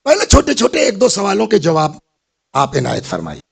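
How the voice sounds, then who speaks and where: A man's voice: high voice, huge pitch swings, music in the background. An older man giving a sermon, telling stories and putting questions to his listeners. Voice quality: gravelly, husky voice. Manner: storytelling, asks the audience questions. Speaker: Islamic scholar giving a majlis lecture.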